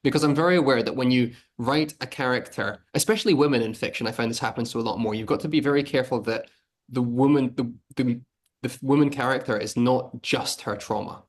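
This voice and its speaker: A man hosting a casual interview over a video call, chatty and animated as he tells stories and asks questions. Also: medium pitch. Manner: quick, chatty, animated storytelling. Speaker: podcast host.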